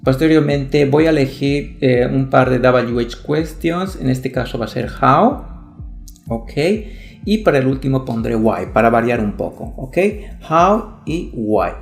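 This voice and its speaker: Gravelly teacher explaining grammar. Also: male voice, medium pitch, a little slow, soft background music. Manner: explanatory, frequent "¿ok?" checks. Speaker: English teacher. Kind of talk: scripted online grammar lesson.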